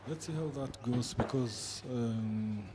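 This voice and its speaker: Male darts commentator over clear noise. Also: mid-range voice, slow pace. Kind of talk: live sports commentary. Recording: clearly noisy live event sound.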